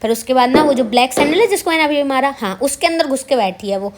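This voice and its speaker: A woman's voice: high-pitched, expressive, fast. A woman vlogger narrating her day in a chatty, self-mocking voice-over, speaking straight to her viewers. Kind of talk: casual vlog voice-over.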